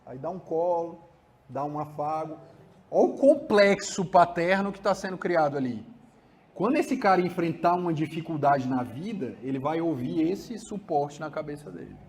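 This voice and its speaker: A man with a Brazilian accent giving a psychology lecture, animated and acting out examples, often adding tag questions. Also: fairly high pitch, normal speed, slight background noise.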